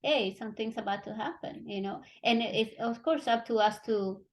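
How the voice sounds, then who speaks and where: A woman's voice: on the high side, moderate pace. A woman hosting a faith podcast, affirming her guest and adding her own thoughts. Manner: affirming, many short backchannels. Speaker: host. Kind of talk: casual faith talk.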